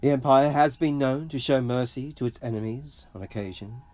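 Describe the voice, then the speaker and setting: An actor playing a ruthless, arrogant starship captain in an audio drama, commanding and smug in a clipped delivery. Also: male voice, mid-range voice, normal speed, a little mellow, natural voice. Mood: smug, menacing. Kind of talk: dramatic audio comic acting.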